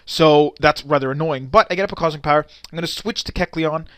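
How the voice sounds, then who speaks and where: A man's voice: fairly high pitch, fast talker, a bit bright, no echo. A young man giving casual, rambling commentary on a game replay, frustrated and swearing often, into a close desk mic. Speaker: gaming commentator.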